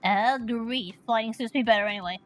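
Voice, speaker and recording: Slow-talking woman commenting on a game. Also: fairly high pitch, faint music behind. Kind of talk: casual game playthrough commentary.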